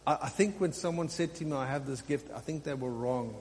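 A slightly high, darkish male voice moves briskly through an off-the-cuff sermon. The pastor presses his congregation forward, echoing phrases for emphasis. It's a live preaching session in a reverberant hall, with faint hum and noise audible.

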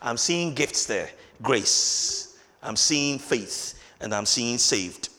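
A man's voice: medium pitch, expressive, sharp tone. Emphatic male preacher in a reverberant hall. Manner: emphatic, repeats key words, reads scripture slowly. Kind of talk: Christmas sermon.

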